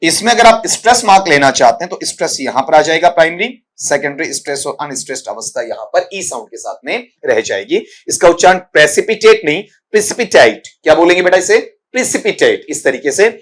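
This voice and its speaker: A middle-aged man teaching an exam-prep English grammar lesson, patiently explaining, calling his students "beta" and slowly spelling out English words and sounds. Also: a little high, lively intonation. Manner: mixes English grammar terms into his talk.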